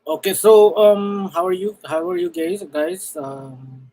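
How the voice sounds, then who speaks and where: A man's voice: high-pitched, a little slow, darkish tone, no room sound, poor audio. A man from the Philippines, a festival director, moderating a live online Q&A with many fillers and restarts.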